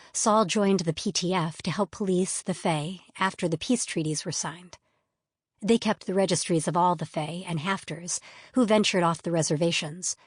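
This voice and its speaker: Low, dry-voiced woman narrating. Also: no echo. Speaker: audiobook narrator. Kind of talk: scripted first-person narration.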